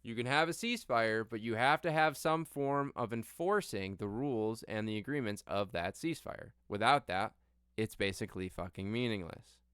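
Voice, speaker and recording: A man's voice: lowish voice, moderate pace, a bit bright, smooth, no room sound, studio quality. Tongue-tied man commenting bluntly on the news. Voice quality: slightly tongue-tied diction from a numb tongue and half-numb mouth. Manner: blunt, sweary, emphatic. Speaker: livestream host. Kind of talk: casual news commentary to viewers.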